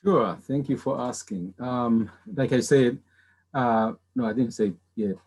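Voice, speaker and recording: A middle-aged man from Rwanda, a panelist telling his own story in a measured, halting way with many restarts. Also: mid-range voice, a little mellow, breathy edge. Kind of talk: personal testimony on a panel.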